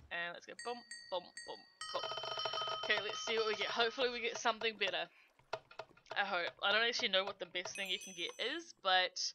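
A woman's voice: medium pitch, bright, forceful tone, muffled recording, a little hiss or hum. A woman giving chatty let's play commentary on her gameplay, giggling often and narrating each click. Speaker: gaming channel host.

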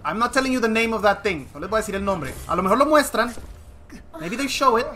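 A game streamer giving excitable live commentary, switching between Spanish and English. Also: mid-range voice, a little fast. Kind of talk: live bilingual gameplay commentary.

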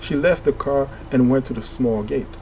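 A man reading an audiobook in steady, measured scripted narration. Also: medium pitch, slight background noise. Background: music.

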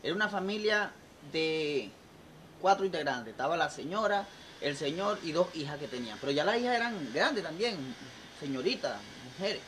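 A man casually telling a joke in an animated, chatty way, checking in with his listeners. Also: fairly high pitch, normal speed. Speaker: joke teller. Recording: noisy background.

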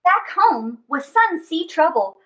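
A woman hosting a children's story time reads a picture book aloud and chats with the children. She has a high voice and a slow, unhurried pace, with an animated, theatrical delivery full of dramatic gasps and stretched words. She's in a small indoor space with a draped fabric backdrop.

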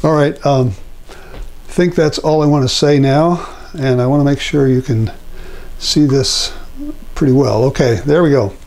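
An older man demonstrates painting at his easel in a loose, meandering style crowded with fillers, recorded through a lapel mic in his home studio. His medium-pitched voice moves a little slowly.

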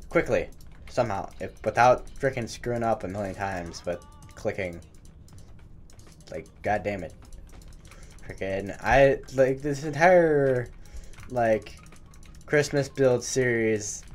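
A man giving casual, rambling gaming commentary while he builds, stumbling over his words and cursing mildly at his own mistakes. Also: on the low side. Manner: self-mocking, chatty. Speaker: gaming channel host. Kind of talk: live Minecraft building commentary.

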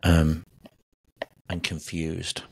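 Low, gravelly, hesitant man. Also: completely flat delivery, dry recording, poor audio. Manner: hesitant, halting, reflective. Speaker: hypnotherapy client. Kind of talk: guided therapy session, answering questions. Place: home office, video call. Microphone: desk microphone with headset.

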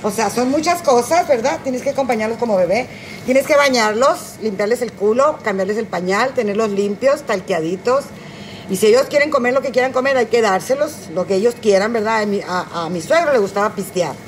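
A middle-aged woman with a Mexican Spanish accent who is tipsy and high, rambling and cracking crude jokes on a cooking livestream from her home kitchen. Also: expressive, fairly quick, slight background noise. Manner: crude, joking, rambling storyteller. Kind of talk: casual livestream chat while cooking.

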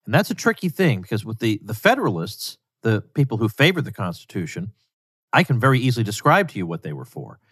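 A man hosting an interview podcast, asking measured, articulate questions and reading sponsor messages. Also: fairly low pitch, sing-song, fairly bright tone, slightly rough, no echo, clean studio sound. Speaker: podcast host.

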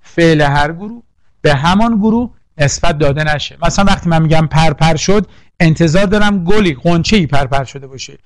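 A man's voice: fairly high pitch, dry recording. A man teaching a poetry lesson for exam prep, drilling lists and quizzing the class with questions. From Iran. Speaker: literature teacher.

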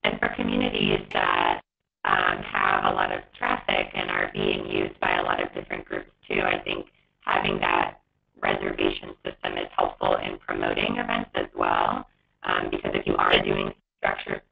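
A woman's voice: rumbling low, completely flat delivery, moderate pace, creaky, soft background music. A woman speaking as a webinar panelist over a call, her connection making her sound robotic and garbled, brief and matter-of-fact. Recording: muffled lo-fi webinar call audio.

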